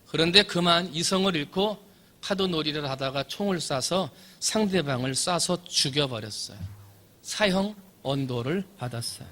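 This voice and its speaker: A man who preaches a sermon in a church, telling stories dramatically and swinging from loud to soft. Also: fairly high pitch. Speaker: pastor. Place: church sanctuary.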